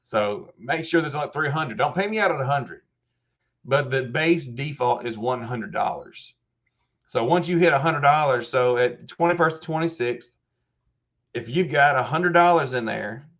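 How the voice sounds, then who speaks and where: A man's voice: medium pitch, fairly bright tone, lo-fi sound. A man in his fifties hosting a live question-and-answer stream, explaining step by step in a casual way with many restarts. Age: 50s. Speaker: host of a live help desk stream.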